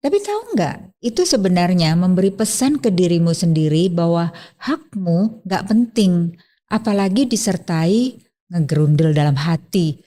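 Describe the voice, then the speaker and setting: Low, mellow-voiced woman advising. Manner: calm, gently instructive, addresses listener directly. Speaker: etiquette channel host. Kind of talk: scripted self-improvement talk.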